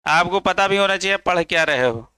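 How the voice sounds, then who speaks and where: A man's voice: high voice, fairly quick, bright, forceful tone, clean tone, dry recording. A male chemistry teacher giving a classroom lecture, coaxing his students and drilling them to chant along.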